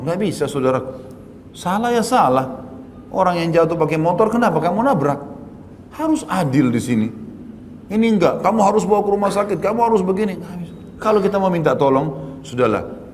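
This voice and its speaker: A man's voice: a little high, a little hiss or hum. Man preaching, with long hall reverb. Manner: addresses listeners directly, often tags "gitu kan"; lively, exclaims and rises sharply on key points. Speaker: Islamic preacher. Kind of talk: religious lecture to a congregation. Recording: long hall reverb, faint background ambience.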